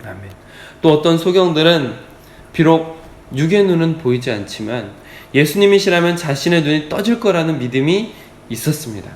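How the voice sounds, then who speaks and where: A pastor preaching an emphatic, repetitive sermon at a dawn prayer service in a church. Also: male voice, fairly high pitch, lively intonation, normal speed. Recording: echoey church hall.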